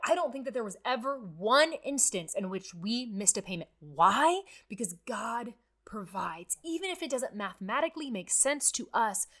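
Bright-voiced woman teaching Bible study. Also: mid-range voice. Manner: conversational, earnest, many "like" fillers.

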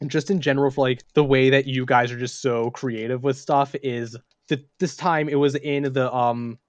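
A man co-hosting a podcast as game master, telling tabletop stories in an animated, casual way. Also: mid-range voice, moderate pace, dry recording, muffled recording. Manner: animated, acts out characters while telling stories.

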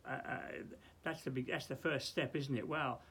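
A man preaching informally in a loft, teaching from the Bible in a halting, exclamatory way and repeating himself as he goes. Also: mid-range voice, fairly even intonation, a bit bright, slightly rough.

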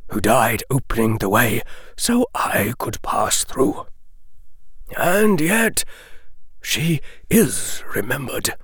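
A man voicing a gentle, sorrowful old male wizard, speaking slowly and solemnly, often sinking into a whisper. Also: mid-range voice, slightly rough, dry recording, clean studio sound, exaggerated voice. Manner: slow, soft, partly whispered, solemn. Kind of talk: audiobook character reading.

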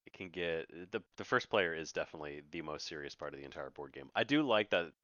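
A man's voice: very deep voice, expressive, fast talker, fairly bright tone, dull audio, slight background noise. A man co-hosting a casual board game podcast, upbeat, steering the talk along. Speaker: podcast co-host.

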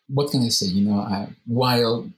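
A man's voice: mid-range voice, normal speed, a little hiss or hum, rough recording. A man who organizes a meetup, answering interview questions in a thoughtful, searching way and often repeating words as he finds his phrasing. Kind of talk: casual interview conversation.

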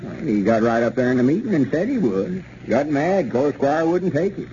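A man's voice: a little high, very animated, moderate pace, dark tone. An actor playing an eager, gullible small-town man with a rural Southern accent and folksy country talk in an old radio serial. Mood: insistent, trusting. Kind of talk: old-time radio comedy serial acting. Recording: dull, noisy old radio recording.

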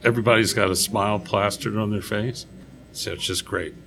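A man's voice: on the low side, steady tone, a little fast, vocal fry, fairly bright tone, a little hiss or hum. An American man chatting casually as a podcast host. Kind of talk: casual chat.

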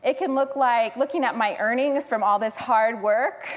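A woman's voice: a little high, moderate pace. A woman preacher delivering an earnest, storytelling sermon with emphatic phrasing. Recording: long hall reverb.

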